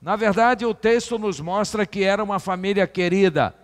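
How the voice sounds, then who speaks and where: Male pastor, high voice, slow dramatic preaching, repetitive, long church reverb. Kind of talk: sermon. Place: church hall.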